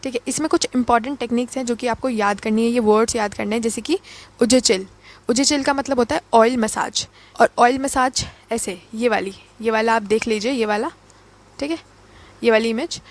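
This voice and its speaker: Woman tutor, kinda high voice, runs through memory tricks for an exam class, keeps repeating words and quizzing herself. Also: a little fast. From Uttar Pradesh. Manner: playful, repeats key words, asks and answers her own questions. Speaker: teacher.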